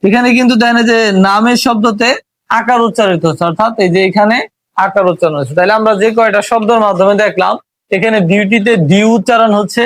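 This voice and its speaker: High-voiced Bangladeshi teacher, dry sound. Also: male voice, fairly bright tone, dry recording. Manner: slow, explanatory, drawing out letter sounds. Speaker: English teacher. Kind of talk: classroom lesson on pronunciation.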